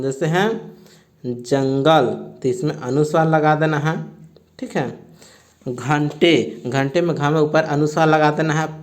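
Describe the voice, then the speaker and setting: A man works through a textbook lesson at an unhurried pace. His voice sits a little high, and he explains each answer patiently in small steps, pausing often to check in. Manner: explains step by step, often says "ठीक है". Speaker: teacher.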